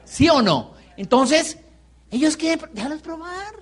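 A man's voice: very high voice, lively intonation, unhurried, fairly bright tone. A man with a Colombian accent giving a motivational business seminar, playful and peppering the audience with rhetorical questions. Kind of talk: live motivational seminar talk.

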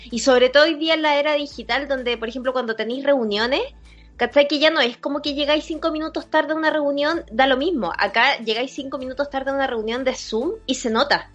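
Chatty Chilean woman with a highish voice. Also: a little fast, fairly bright tone, lo-fi sound, soft background music. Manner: chatty, self-interrupting. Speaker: podcast co-host. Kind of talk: casual chat.

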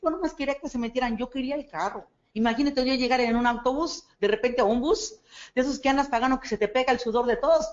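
A woman with a Mexican Spanish accent gives a motivational talk, her voice sitting a little high. She tells stories with animation, acting out the dialogue and checking that her listeners agree. The recording is dull and lo-fi. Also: fast. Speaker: network marketing speaker.

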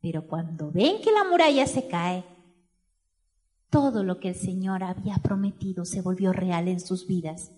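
A woman preaching a sermon in church, telling a story and asking the congregation questions, moving between hushed and loud passages. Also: on the low side, expressive, normal speed.

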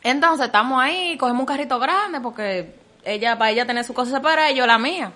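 A Dominican woman co-hosting a podcast, telling a story in casual chat, animated and quick to laugh. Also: high-pitched. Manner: animated, laughs often, acts out sounds. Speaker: podcast co-host.

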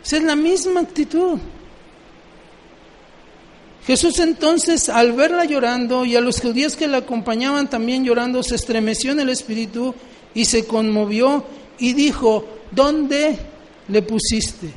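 A man's voice: very high voice, fairly even intonation, normal speed, long reverb tail. A man preaching a sermon, often asking the congregation questions.

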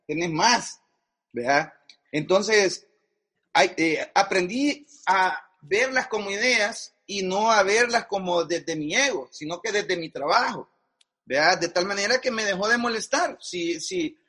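Hombre salvadoreño de voz ronca y aguda. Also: male voice, high-pitched, sharp tone, slightly rough. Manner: frank, slangy, restarts often. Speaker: guest advertising executive. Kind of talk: casual conversational interview.

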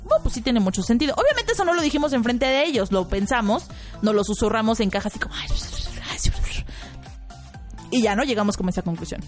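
Woman, podcast storyteller, animated delivery, swoops into squeaky voices, light music bed. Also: rapid-fire. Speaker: podcast host. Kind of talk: storytelling anecdote.

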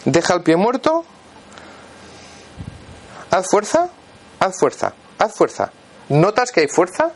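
A man's voice: high voice, wildly swooping pitch, slow pace, long pauses, a little hiss or hum. A man, a therapist guiding a volunteer through a live demonstration before an audience and checking in constantly as he instructs.

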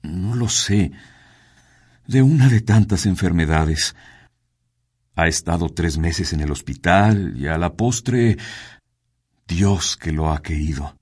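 A man's voice: sits low, animated, takes it slowly, long pauses, darkish tone, slightly rough, exaggerated voice. A man voicing a timid, grieving old sleigh driver who speaks in a choked, subdued way in a storybook reading. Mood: choked grief.

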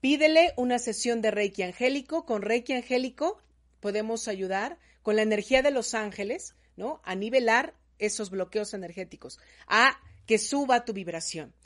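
A woman, a therapist speaking straight to the listener, animated and emphatic as she gives advice. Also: a little high, normal speed. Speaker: energy healing therapist. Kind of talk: talk to camera giving advice.

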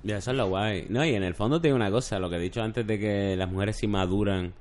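Man, podcast host, casual chat, lowish voice, relaxed storytelling. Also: quick pace. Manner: relaxed storytelling, laid-back.

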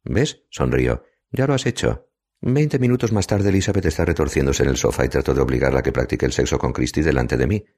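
Very deep-voiced Spanish male narrator. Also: a little mellow, slightly rough. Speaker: audiobook narrator. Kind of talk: scripted narration.

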